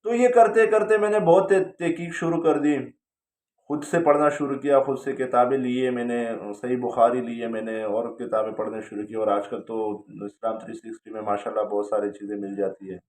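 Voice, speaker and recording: A man's voice: mid-range voice, fairly even intonation, a little mellow. Man talking in a roomy, distant recording. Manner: conversational, rambling, with frequent hesitations. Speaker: storyteller recounting his religious journey. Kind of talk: casual spoken testimony.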